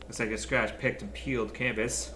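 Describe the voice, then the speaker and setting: A man playing a video game with casual commentary, reading on-screen text aloud and muttering his reactions as he thinks out loud. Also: fairly low pitch, little pitch movement, moderate pace, noisy background. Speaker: gaming video host. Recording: music behind the voice. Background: game music.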